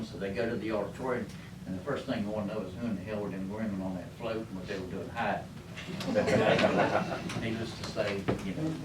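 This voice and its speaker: A man telling casual, chuckling stories to a live group, acting out other people in quick bits of dialogue. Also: lowish voice, background noise. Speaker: storyteller at a krewe gathering. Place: hall with a gathered audience. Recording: echoey room, distant mic, loud ambience.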